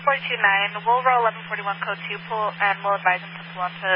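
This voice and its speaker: A police dispatcher speaking over police radio, reading back codes in steady, methodical read-backs. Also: medium pitch, fast talker. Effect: police radio transmission. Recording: lo-fi noisy radio.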